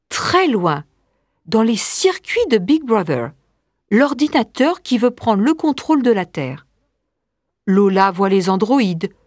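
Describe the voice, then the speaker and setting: A woman narrating an audiobook story, reading slowly, clearly and deliberately. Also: fairly high pitch, dry recording, clean studio sound.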